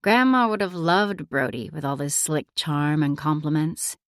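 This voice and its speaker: A woman narrating an audiobook in an expressive, emotive reading style. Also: low voice, measured pace, no echo, studio quality.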